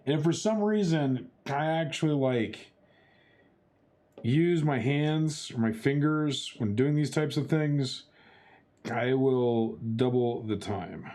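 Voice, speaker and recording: A man's voice: mid-range voice, slow, dark tone. A young man streaming for charity, chatting with his chat while he works through a chopsticks challenge, narrating each step with playful exclamations. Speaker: charity livestreamer. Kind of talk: casual livestream chatter to chat.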